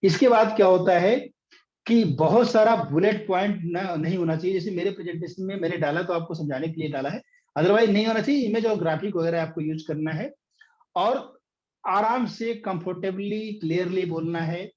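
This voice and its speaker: A middle-aged business coach with a high-pitched, darkish voice teaches and tells stories during an online session at a normal speed. His delivery is anecdotal and hesitant, full of fillers, and the audio is dull and lo-fi.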